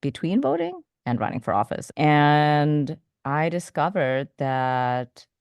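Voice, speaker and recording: A woman from Indonesia, a podcast host, giving thoughtful, measured interview answers with small restarts. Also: low voice, sing-song, darkish tone, clear, resonant tone, no room sound, clean studio sound. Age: adult, came to the U.S. as a teenager.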